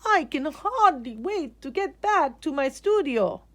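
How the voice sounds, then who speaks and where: A woman voicing a kindly, curious young male artist in a storybook, musing aloud in an animated way. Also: high-pitched, a little slow, voice pushed up. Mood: inspired.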